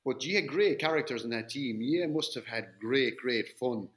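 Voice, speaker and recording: A man hosting a casual chat, full of lively, slangy banter and the odd swear. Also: medium pitch, moderate pace, slight background noise.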